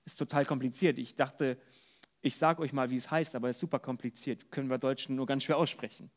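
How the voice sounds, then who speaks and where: A man preaching an earnest sermon at a church service, dropping soft and low for words of comfort. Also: fairly even intonation, quick pace. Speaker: pastor.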